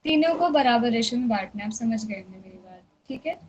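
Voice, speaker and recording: A woman's voice: on the high side, expressive, quick pace, darkish tone. A young woman teaching a singing lesson, patiently checking that students follow and drawing out syllables to demonstrate. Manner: patient, checks understanding often. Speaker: music teacher. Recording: dull lo-fi sound with faint noise.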